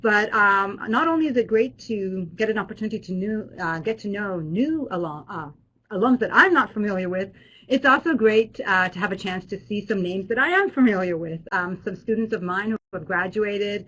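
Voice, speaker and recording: A woman's voice: medium pitch, lively intonation, fast talker, fairly bright tone, low-quality recording. A woman professor who grew up in Israel, hosting an online alumni webinar in a friendly way with many fillers and restarts. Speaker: business school professor.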